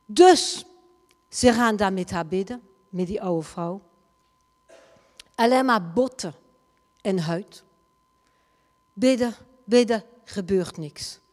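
A woman's voice: mid-range voice, slow, pauses often. A woman preaching and retelling a story dramatically, her volume rising and falling sharply. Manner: dramatic retelling, wide swings in loudness. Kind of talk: sermon storytelling. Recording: long hall reverb.

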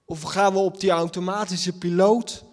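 A man's voice: high-pitched, steady tone, moderate pace, long reverb tail. A man preaching a sermon and reading scripture, earnest, with emphatic repetitions and rhetorical questions.

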